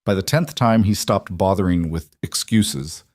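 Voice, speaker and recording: A guarded, brittle frontier woman, as a male narrator puts her on, her words quiet and strained, halting as she goes. The voice sits a little low and dry, with no room around it. It suits a western audiobook. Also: dry recording.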